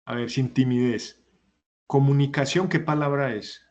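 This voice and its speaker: A man's voice: mid-range voice, steady tone, measured pace, a little mellow. A man teaching a class who explains step by step and puts questions to his students. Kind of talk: online class lecture.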